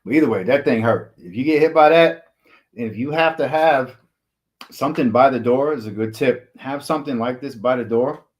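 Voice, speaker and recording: A man's voice: mid-range voice, normal speed. A man co-hosting a livestream, joking loosely and swearing casually. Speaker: livestream co-host. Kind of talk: casual live chat.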